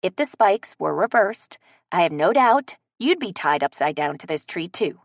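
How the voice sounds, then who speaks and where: A woman's voice: lowish voice, sing-song, moderate pace, vocal fry, dry recording, exaggerated voice. A woman voicing a stubborn, strong-willed woman who teases and refuses to back down. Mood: defiant. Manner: teasing, defiant.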